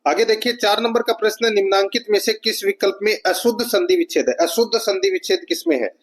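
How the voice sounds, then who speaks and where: A man's voice: high-pitched, fast talker, creaky. A man with a Rajasthani Hindi accent teaching an exam prep lesson, reading out each question and explaining the answer, often calling his viewers friends. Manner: repetitive, keeps addressing viewers as friends.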